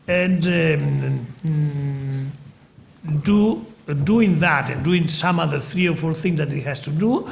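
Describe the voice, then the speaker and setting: Halting, higher-pitched man on a debate panel. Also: creaky, highs cut off, slight background noise. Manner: deliberate, halting phrasing. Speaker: panel speaker. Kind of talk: public debate answer.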